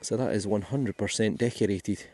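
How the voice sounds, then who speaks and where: A man's voice: on the low side, moderate pace, background noise. A Scottish man giving chatty, thinking-aloud commentary as he digs finds in a field for his metal detecting vlog. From Scotland. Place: outdoors in a field.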